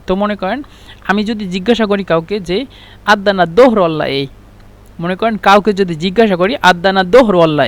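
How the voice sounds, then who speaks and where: High-voiced man teaching Arabic sounds. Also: a bit bright. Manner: explains slowly, repeating words and spelling letters aloud. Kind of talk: spoken language lesson.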